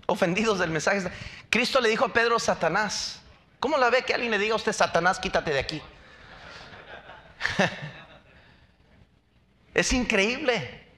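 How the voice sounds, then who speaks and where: A man's voice: very high-pitched, sharp tone. A male preacher delivering an emphatic sermon, questioning his congregation and acting out quotes. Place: church.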